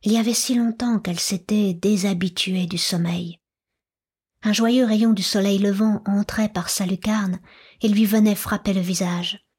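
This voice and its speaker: A woman narrating a classic novel for an audiobook in a soft, measured way that often slips into a whisper. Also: medium pitch, fairly even intonation, breathy edge.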